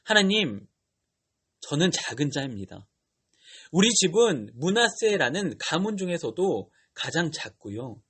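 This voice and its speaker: A man's voice: a little high, big pitch swings, measured pace, fairly bright tone, breathy edge, exaggerated voice. A man voicing Gideon, a timid and fearful young man who pleads and belittles himself. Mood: pleading. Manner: hesitant, self-deprecating pleading.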